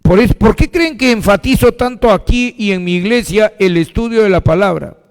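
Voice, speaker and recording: High-voiced preaching pastor in a reverberant hall. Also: male voice, normal speed. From Peru. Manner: asks the congregation questions and answers them himself. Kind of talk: sermon.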